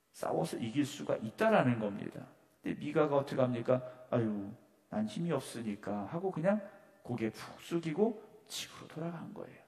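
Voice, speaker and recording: A man's voice: medium pitch, in a large hall. A male pastor preaching a sermon to his congregation, earnest and questioning, sometimes acting out quoted lines. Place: church sanctuary.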